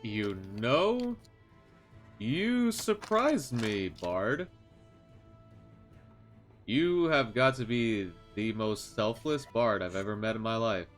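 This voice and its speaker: A man's voice: medium pitch, animated, slow pace, pauses often, soft background music. A man voicing an older male innkeeper in a tabletop game, stammering and hesitant at first, then blunt.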